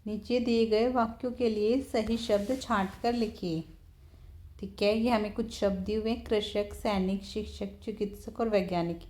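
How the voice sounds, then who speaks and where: A woman teacher, patiently explaining a textbook lesson to young children, often slowing down to repeat words. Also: mid-range voice, steady tone, dark tone. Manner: patient, repeats words slowly, keeps saying "theek hai".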